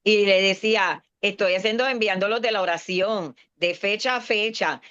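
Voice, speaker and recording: An earnest woman pastor preaches a sermon in a class, mixing English words into her Spanish. Her voice is mid-range and a bit bright at a normal speed, captured on a dull, lo-fi recording.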